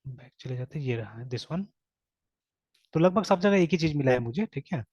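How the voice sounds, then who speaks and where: A man with a slightly raised voice teaches a programming class. He switches between Hindi and English, keeps checking in with "okay" and repeats his points slowly. The sound is dry and dull, from a lo-fi mic. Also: a little high, animated, darkish tone, husky, no echo. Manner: mixes Hindi and English, says "theek hai" constantly. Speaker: programming instructor. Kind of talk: live coding lecture.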